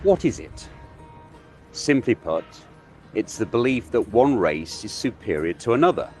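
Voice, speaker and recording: Lively-voiced male documentary presenter. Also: on the low side, measured pace, soft background music. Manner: rhetorical questions. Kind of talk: scripted documentary narration.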